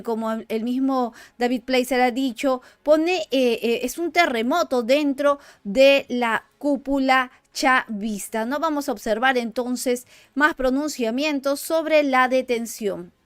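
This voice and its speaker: Female host, high pitch, dry close sound, brisk moderating of a news stream. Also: clean tone, no echo. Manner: moderating, moves the segment along. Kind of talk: live news commentary.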